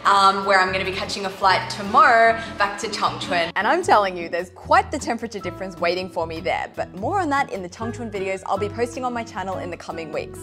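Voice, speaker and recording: A woman's voice: mid-range voice, lively intonation, fast, few pauses. A young woman hosting a food vlog, chatty and enthusiastic, laughing often. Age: young adult. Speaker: food vlogger. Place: indoor restaurant dining room. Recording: roomy, with music behind.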